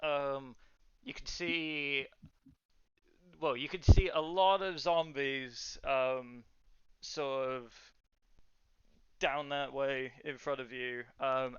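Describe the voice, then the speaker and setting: A man's voice: medium pitch, level tone, takes it slowly, fairly bright tone, clean tone, no echo, dull audio. A man narrating a tabletop game as game master, hesitant with many fillers and restarts.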